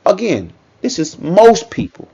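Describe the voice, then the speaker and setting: A man's voice: high voice, big pitch swings, a little slow, gravelly, warm tone, breathy edge, highs cut off. A man giving casual reaction commentary, talking in a loose, repetitive way and often checking in with the listener. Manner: conversational, repeats himself, frequent "you know what I'm saying".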